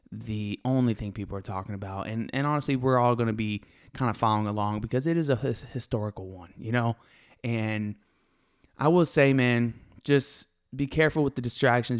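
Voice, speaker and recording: A man's voice: lowish voice, steady tone, normal speed, clear, resonant tone. A young man hosting a casual faith podcast, hyped and a little out of breath, rambling with lots of fillers. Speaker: podcast host.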